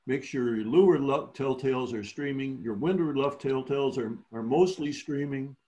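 A man of ordinary pitch explains things patiently over a video call, backing up and restarting his sentences as he goes. He sounds like a coach walking newer learners through a lesson. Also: moderate pace, a little mellow. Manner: explanatory, restarts phrases often. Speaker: sailing clinic instructor. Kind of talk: virtual clinic teaching.

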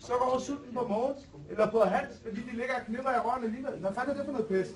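A man angrily arguing and swearing at a press conference. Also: very high-pitched. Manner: angry, shouting, swearing. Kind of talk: heated argument at a press conference. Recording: distant voice in a crowd.

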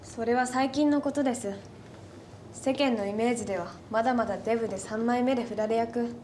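A woman's voice: fairly high pitch, brisk, warm tone, slight background noise, close to an everyday voice. Woman as dry, bookish schoolgirl ranger heroine. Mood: deadpan lecturing. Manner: matter-of-fact lecturing, quirky polite sentence endings. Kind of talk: live-action TV hero parody acting. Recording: music behind the voice.

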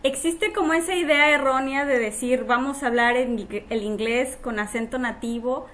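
A woman hosts a relaxed podcast interview. Her voice sits high, and she speaks in a friendly, chatty way, dropping filler words as she goes. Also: normal speed. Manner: friendly, uses fillers like "este", laughs often. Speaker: podcast host. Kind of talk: casual interview.

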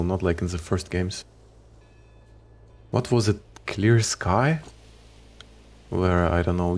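Deep-voiced Ukrainian streamer. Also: male voice, slight background noise. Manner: relaxed, swears offhandedly. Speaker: game streamer. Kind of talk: casual gameplay commentary.

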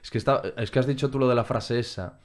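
A man with a Spain Spanish accent, hosting a podcast, asking calm questions and relating his own experience. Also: mid-range voice, quick pace. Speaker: podcast host. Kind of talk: casual interview conversation.

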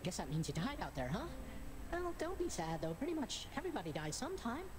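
An actor playing a cheerful, chirpy greeter in a video game. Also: male voice, very high voice, wildly swooping pitch, exaggerated voice. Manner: chirpy, upbeat. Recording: game audio under noisy capture.

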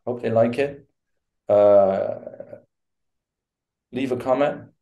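The audio is dull, and the man's mid-range voice is warm and slow. A middle-aged guest from the Netherlands with a Dutch accent, he talks on a video call from a room at home in a casual interview, hesitating and restarting with plenty of fillers.

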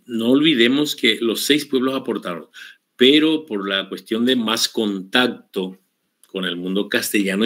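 A man teaching an online Guaraní language class, explaining patiently and repeating words slowly for his students. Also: fairly low pitch, a bit bright.

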